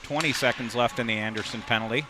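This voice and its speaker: A man giving amateur play-by-play commentary on a youth hockey game, calling the action quickly and with rising excitement. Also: medium pitch, noisy background.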